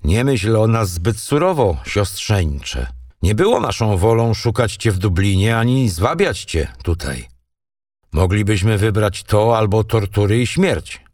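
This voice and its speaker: A man's voice: lowish voice, animated, a little slow, darkish tone, dry recording, clean studio sound. A man reading as an earnest Norse uncle. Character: older Norse uncle, earnest plotting conspirator.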